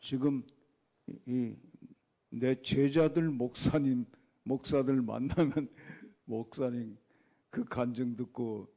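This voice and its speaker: Older pastor guy telling stories in a sermon, gravelly voice, acts out his chats with god. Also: mid-range voice, dark tone. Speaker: guest preacher. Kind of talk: dawn revival sermon.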